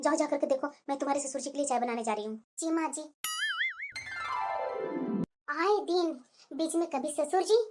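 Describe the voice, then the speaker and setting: Woman with a very high voice carrying a cartoon family story, voicing both women, expressive. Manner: expressive, switching between two figures. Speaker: voice actor voicing mother-in-law and daughter-in-law.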